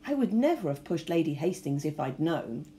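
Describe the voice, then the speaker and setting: A woman's voice: low-pitched, big pitch swings, normal speed, warm tone, a little hiss or hum. A woman voicing an earnest young man who explains himself in a pleading way.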